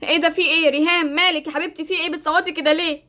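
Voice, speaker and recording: A woman voicing a caring mother with an Egyptian accent, tenderly calming her daughter. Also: very high voice, racing, very noisy. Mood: comforting. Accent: Egyptian Arabic. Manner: tender, comforting.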